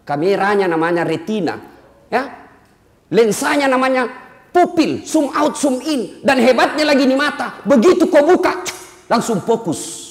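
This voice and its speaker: A man preaching a humorous sermon, lively and jokey, swinging between loud and soft. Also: very high voice, a little slow. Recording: echoey hall with long reverb.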